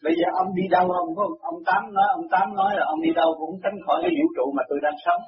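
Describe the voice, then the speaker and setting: A man's voice: high-pitched, sing-song, rapid-fire, a crowd in the background. A man acting as a spiritual counselor who reassures and lectures in casual chat. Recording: muffled recording, faint noise.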